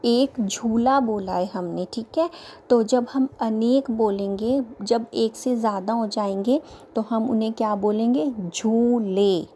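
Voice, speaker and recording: Mixing English words into her speech, a woman leads a children's grammar lesson, slowly repeating each word pair and posing questions she then answers herself. Her voice sits on the high side and sounds mellow, with slight background noise.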